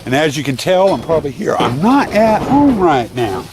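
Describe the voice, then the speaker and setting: A man's voice: a little high, big pitch swings, normal speed, background noise. A man hosting a casual vlog outdoors, chatty and laughing at his own jokes. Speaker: vlog host. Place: outdoors in a cornfield.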